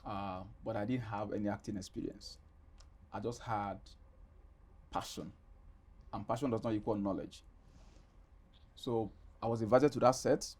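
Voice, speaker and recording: A middle-aged Nigerian actor tells personal stories during an interview, speaking emphatically and conversationally and repeating phrases as he goes. His voice sits fairly low, with a steady, darkish tone, normal speed and long pauses.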